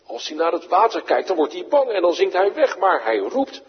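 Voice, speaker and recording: Husky preacher in an echoing hall. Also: male voice, high-pitched, big pitch swings, moderate pace. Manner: dramatic rises and falls, quoting scripture with raised voice. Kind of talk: sermon. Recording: echoey church hall, dull lo-fi radio broadcast.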